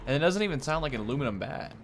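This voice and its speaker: A young adult man with a mid-range voice hosts casual video game commentary, animated and rapid-fire. He's at a desk in an indoor room, with game noise clearly audible behind him as background ambience.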